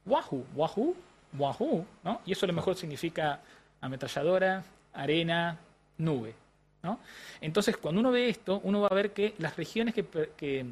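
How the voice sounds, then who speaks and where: A man's voice: on the high side, normal speed. An Argentine man with a slightly raised voice explains brain and language research in an interview. He talks like a patient teacher, restarting phrases and often checking that the listener follows. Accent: Argentine Spanish. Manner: frequent restarts and hesitations. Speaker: language neuroscientist guest.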